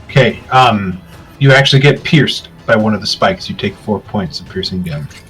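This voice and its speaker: A man narrating a tabletop game as game master, describing scenes in a relaxed way with filler ums. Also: fairly low pitch, moderate pace, gravelly, soft background music, low-quality recording.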